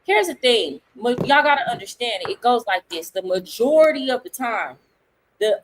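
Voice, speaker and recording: A woman's voice: on the high side, poor audio. A woman hosting a live talk stream, speaking bluntly and laying out her opinions point by point. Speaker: livestream host.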